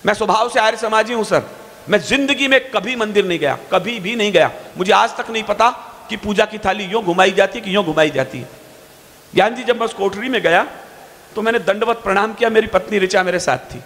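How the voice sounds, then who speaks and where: A man reciting his poetry on stage in a fiery, declaiming style, stretching his verse lines slowly. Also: high voice, a bit bright. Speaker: poet on stage. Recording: long hall reverb.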